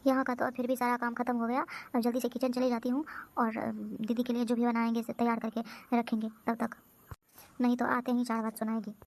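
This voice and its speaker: A woman's voice: a little high, flat delivery, a little mellow, lightly acted. A woman voicing a worried young housewife in a cartoon. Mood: worried, hurried. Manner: hurried, worried chatter. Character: anxious hardworking young elder sister-in-law, housewife. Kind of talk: cartoon voice acting.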